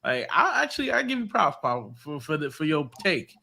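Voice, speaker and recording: A man's voice: on the high side, sing-song, normal speed, gravelly, bright, forceful tone, slight background noise. A man, co-hosting a podcast in loose, rambling casual commentary full of restarts. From United States. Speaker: podcast co-host.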